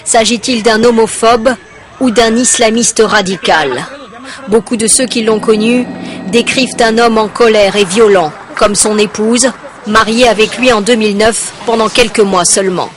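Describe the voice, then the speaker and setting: A woman narrating a television news report in a clear, steady voice. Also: fairly high pitch, moderate pace, music in the background.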